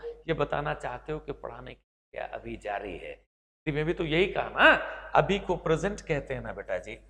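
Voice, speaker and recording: A man's voice: a little high, a bit bright, big-room sound. A man from Rajasthan with a Marwari accent, giving an emphatic English lesson and addressing his students fondly. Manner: emphatic, calls students "beta". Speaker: English teacher. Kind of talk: classroom lecture.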